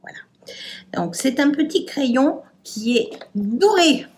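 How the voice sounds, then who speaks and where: Slow, hesitant French woman vlogger. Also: high voice, lively intonation, a little mellow. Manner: slow, hesitant, trailing off with fillers while applying makeup. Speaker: beauty vlogger. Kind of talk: casual makeup tutorial chat.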